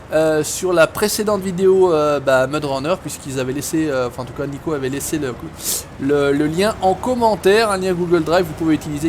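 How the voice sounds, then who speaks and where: A man's voice: high-pitched, slight background noise. A man hosting a gaming video, chatting casually and swearing at the game as he plays. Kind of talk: casual gameplay commentary.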